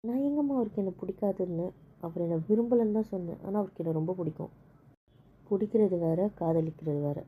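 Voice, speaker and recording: A woman talking with her husband in a casual couple conversation, explaining things patiently and calmly. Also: lowish voice, quick pace, narrow, tinny audio, slight background noise. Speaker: wife.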